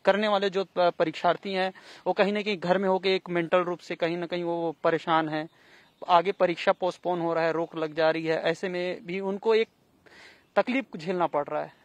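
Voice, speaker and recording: A man with a high-pitched voice conducts the interview, asking long, winding questions. His voice sounds dry and close, with no room echo. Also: steady tone, moderate pace.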